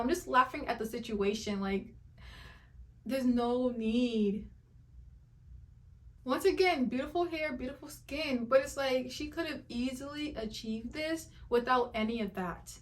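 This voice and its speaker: A woman with a fairly high voice reacts to skincare videos in an emphatic, disbelieving way. She repeats her points for effect and laughs often as she comments. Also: fairly bright tone.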